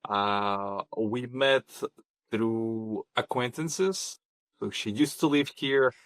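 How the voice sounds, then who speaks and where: A man's voice: mid-range voice, extremely slow, a bit bright, dry recording. Hesitant man from Kazakhstan. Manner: hesitant, many ums and restarts. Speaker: podcast guest. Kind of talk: conversational interview.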